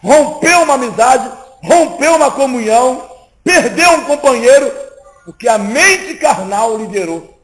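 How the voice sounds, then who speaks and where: A man preaching a sermon in a lively, conversational way, acting out small exchanges between people. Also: extremely high pitch, measured pace, low-quality recording. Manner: lively, conversational preaching that acts out little dialogues. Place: church meeting, indoors.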